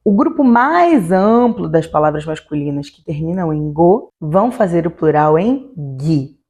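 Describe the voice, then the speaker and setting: A woman teaching an online grammar lesson, slowing down to spell out each example word. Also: on the low side, sing-song, warm tone. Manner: explanatory, slows to spell out example words. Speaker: Italian teacher.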